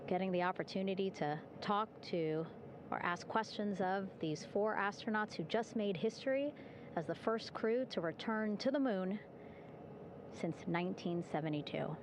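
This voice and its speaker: A woman's voice: medium pitch, moderate pace, noisy background. Upbeat woman doing live commentary. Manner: upbeat, chatty, warm-hearted narration with light laughs. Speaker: broadcast commentator.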